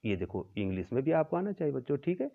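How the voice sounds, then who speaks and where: A man teaches a physics class in a lecture style, repeating key terms and often checking in with his students. His voice swings widely in pitch as he explains. The recording sounds thin and phone-like. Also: sing-song, fast, vocal fry. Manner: addresses students as children, repeats terms, corrects himself.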